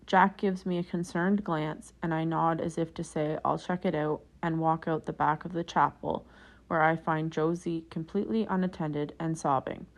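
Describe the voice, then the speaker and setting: Woman narrator, steady storytelling read, forum story, slightly low voice. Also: moderate pace. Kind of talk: scripted narration of a forum post.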